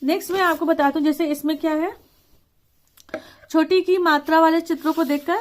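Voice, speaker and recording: A woman teacher explaining a lesson, reading words out slowly and deliberately and slipping English words into casual talk. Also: very high voice, fairly even intonation. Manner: slow, deliberate word reading with stressed syllables.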